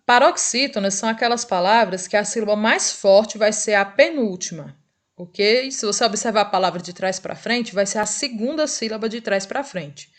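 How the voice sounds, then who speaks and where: A woman's voice: medium pitch, normal speed. Brazilian woman, teacher, recorded review lesson; patient, checks in with tag questions, drags out example words. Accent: Brazilian Portuguese.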